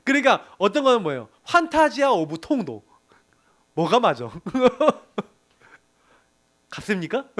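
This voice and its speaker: A middle-aged male pastor preaching with a high voice. His pitch swings widely as he tells a lively story from his own work, laughing as he goes and acting out what others said. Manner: animated storytelling with laughs and acted quotes. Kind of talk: sermon to a young adults group.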